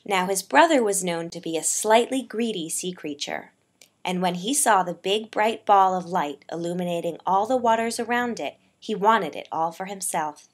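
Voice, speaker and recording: A medium-pitched woman narrates a poetic tale for a puppet show. Her storytelling is measured and deliberate, and her phrases soften as they end.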